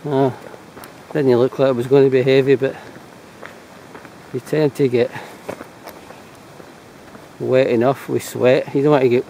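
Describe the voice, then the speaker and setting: A Scottish man talks in a mellow, relaxed voice at a middling pitch. He narrates his walk casually, musing to himself in a low-key way. It is recorded outdoors with faint ambient noise behind him. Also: a little slow, vocal fry, pauses often, rough recording. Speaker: walking vlogger. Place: outdoors on a walking trail.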